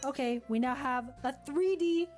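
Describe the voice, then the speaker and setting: A young woman narrates her own vlog in a chatty, giggly, self-mocking voice. Her voice sits a little high. Soft music runs faintly behind her. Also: moderate pace. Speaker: vlogger.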